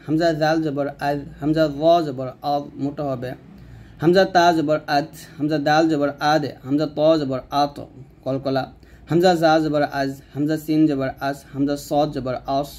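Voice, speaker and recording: A man teaching Quran reading, spelling out letters and vowel marks syllable by syllable, slow and repetitive, and dropping lower and quieter at the ends of sentences.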